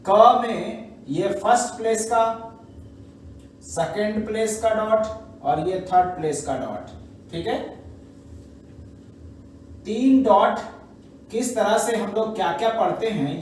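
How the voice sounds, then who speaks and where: A man's voice: sits high, a little mellow. A man teaching a shorthand class, explaining step by step and often checking with his students. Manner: slow, repetitive teaching with frequent "है ना" and "ठीक है" checks. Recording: echoey room, mic at a distance, faint background noise.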